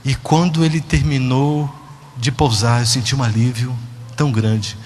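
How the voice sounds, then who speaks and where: A man preaching a sermon, dramatic, moving between hushed and emphatic. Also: mid-range voice, steady tone, normal speed, long reverb tail, slight background noise.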